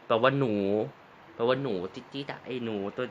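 A young man giving a casual vocabulary lesson, calling out each word twice, loudly. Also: medium pitch, level tone, normal speed, dull audio, a little hiss or hum. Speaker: language teacher vlogger.

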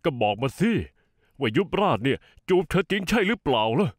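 A man's voice: fairly high pitch, big pitch swings, fairly quick, no echo, studio quality. A man voicing an arrogant, bullying older brother-in-law in a dubbed TV drama, sneering and threatening. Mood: taunting.

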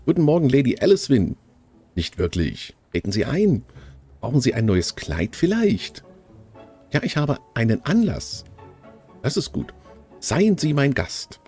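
A man voicing a polite, reserved tailor in a game, with formal, measured speech. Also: mid-range voice, sing-song, mellow, slightly rough, faint music behind, heavily acted. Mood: courteous. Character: polite middle-aged tailor, courteous and reserved.

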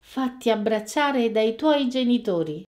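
A woman playing a loving but concerned mother who gently scolds, in an Italian film dub. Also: a little high, lively intonation, measured pace.

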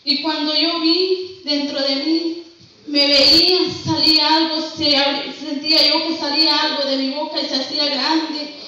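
A woman giving a personal religious testimony in church, telling it haltingly with many restarts and repeats. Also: sits high, little pitch movement, heavy background noise. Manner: halting, repetitive storytelling with restarts. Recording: very echoey room, mic far off.

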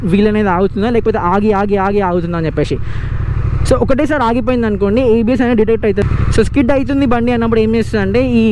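A young man riding a motorcycle outdoors, explaining bike features fast through a lapel mic, mixing in English. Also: high-pitched, background noise. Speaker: motovlogger. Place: outdoors on a moving motorcycle, road noise. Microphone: lapel mic on the rider.

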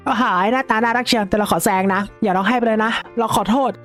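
An excitable young man talks through a video game in a loose, casual way, full of exclamations and jokes. Faint game music plays quietly underneath his voice. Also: high-pitched, fast talker. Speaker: gaming video creator.

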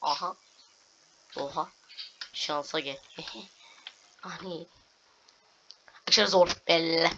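A man's voice: a little high, extremely slow, long pauses. A young man giving casual gameplay commentary, narrating each move to viewers and swearing at glitches. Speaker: gaming video host. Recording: dull lo-fi home recording with clear noise.

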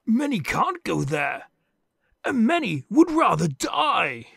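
An actor playing an earnest gentleman collecting for charity, polite and hesitant. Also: high-pitched, wildly swooping pitch, slow pace, vocal fry, husky, no room sound, clean studio sound, heavily acted. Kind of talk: audio drama acting.

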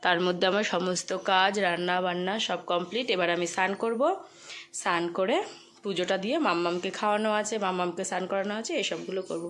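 A woman's voice: on the low side, fairly even intonation, a bit bright. A young woman narrating her cooking and housework to viewers in a casual, chatty way, recorded at home on a phone. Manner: chatty, talks straight to viewers with quick asides. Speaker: homemaker vlogger. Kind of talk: casual cooking and chores vlog. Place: home kitchen.

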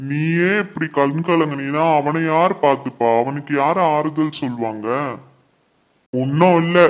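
A man's voice: fairly high pitch, close to an everyday voice. A man playing a patient fatherly elder. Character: calm elder family man, father and uncle.

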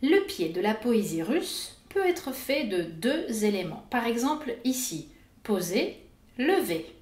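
A woman narrating an educational video as host, with a clear, didactic delivery. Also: fairly high pitch, sing-song, measured pace, darkish tone, roomy sound. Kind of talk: scripted explanatory narration.

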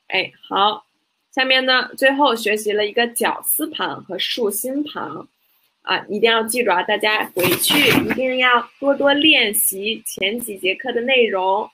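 Patient woman teacher, bright husky voice, repeats every example, slips into English to explain. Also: medium pitch, rough recording. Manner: patient, repeats each example, frequent "hai" fillers. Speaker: Chinese teacher. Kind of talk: online language lesson.

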